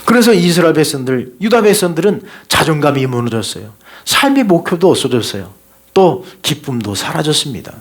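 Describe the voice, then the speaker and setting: A man's voice: a little high, very animated, fairly quick. A man preaching a sermon as pastor in a live church service, earnestly exhorting his listeners and asking rhetorical questions.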